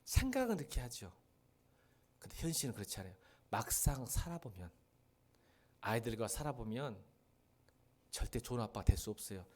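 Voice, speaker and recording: A middle-aged man preaching a sermon as pastor, acting out quoted voices and swinging between loud emphasis and quiet asides. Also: medium pitch, sing-song, moderate pace, pauses often.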